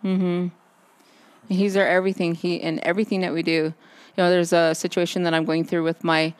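Soft-spoken woman chatting about faith. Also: fairly low pitch, slight background noise. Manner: halting, many restarts and fillers. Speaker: podcast co-host. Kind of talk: casual faith chat. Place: outdoors under a backyard overhang by a fire pit.

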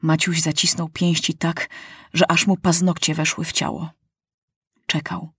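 A storybook narrator reading at an unhurried, careful pace, with a dry, close sound and a middle-range voice. The delivery is measured and expressive, giving weight to every sentence. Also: medium pitch, husky, no echo. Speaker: audiobook narrator.

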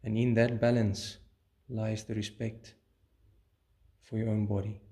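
A man leading a guided meditation in a calm, soothing, measured way, pausing between short phrases. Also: lowish voice.

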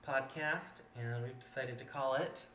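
A man hosting a casual podcast chat, high and relaxed, rambling with lots of fillers. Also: measured pace, roomy sound. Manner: laid-back, rambling with fillers. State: high on cannabis. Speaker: podcast host.

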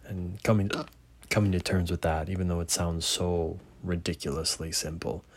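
A man hosting a reflective podcast, talking slowly and haltingly through a bout of hiccups, with gentle pauses and restarts. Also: low voice, flat delivery. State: has the hiccups. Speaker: podcast host. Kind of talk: reflective solo podcast monologue. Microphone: podcast mic.

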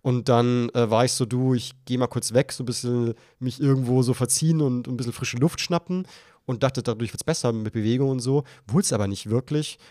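A young man hosting a podcast speaks fairly quickly as he chats through a long tale. He animatedly mimics his own flustered voice, pitching it high when panicked. The sound is dry and studio quality.

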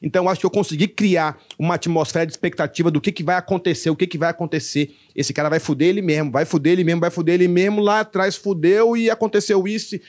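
Homem contando histórias com muito palavrão. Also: male voice, high-pitched, fast, few pauses. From Brazil. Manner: profane, animated storytelling with acted quotes. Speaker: stand-up comedian guest. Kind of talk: casual podcast chat.

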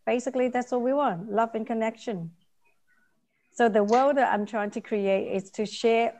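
A woman's voice: medium pitch, a little mellow. A woman in her forties from Vietnam, answering interview questions earnestly and often repeating her key phrases. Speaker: interview guest, nonprofit founder.

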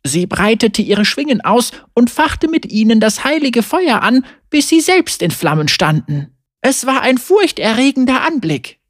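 A woman reads a fantasy tale aloud with measured, expressive pacing. Her voice sits fairly high and moves a great deal in pitch. The recording is close and dry, with no room sound. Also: no room sound. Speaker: narrator. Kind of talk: scripted storybook narration.

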